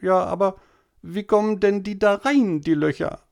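A man's voice: sits high, normal speed, creaky, darkish tone, pitched above the performer's own voice. A man voicing a whiny, stubbornly curious little boy in an audiobook story. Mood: insistent. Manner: whining, insistent questioning.

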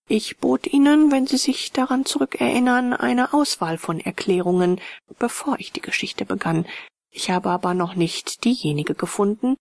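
A woman narrating a ghost story in a measured, hushed voice that often drops to a whisper. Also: mid-range voice, creaky, slightly rough, no echo. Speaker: audiobook narrator.

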